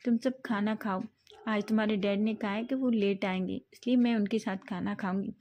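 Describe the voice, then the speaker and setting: A woman's voice: medium pitch, fairly even intonation, moderate pace, warm tone, natural voice. A woman doing a fussing, caring mother. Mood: concerned. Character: worried caring middle-aged mother.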